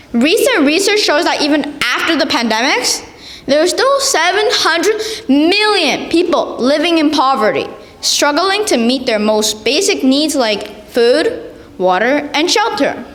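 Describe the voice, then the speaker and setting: Child speaker, high swooping pitch, stiff memorized contest speech, echoey hall. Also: fairly bright tone. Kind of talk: prepared competition speech.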